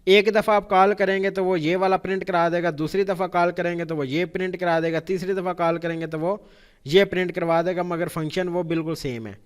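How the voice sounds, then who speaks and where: A man's voice: sits high, little pitch movement, clear, resonant tone. A man with a Pakistani accent teaching programming in a conversational lecture style, repeating phrases and using frequent fillers. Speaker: programming instructor.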